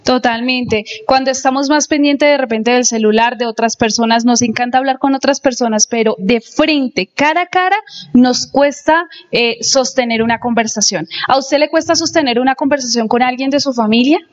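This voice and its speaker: Woman, high voice, live lecturer, asks the audience questions, dull lo-fi sound. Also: moderate pace. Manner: questions the audience, acts out anecdotes. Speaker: family seminar lecturer. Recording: dull lo-fi recording.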